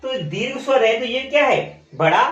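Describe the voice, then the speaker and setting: A male teacher giving a classroom lesson, asking questions and answering them himself, and repeating key terms slowly. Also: very high-pitched, animated, faint music behind. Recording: echoey room, dull lo-fi sound.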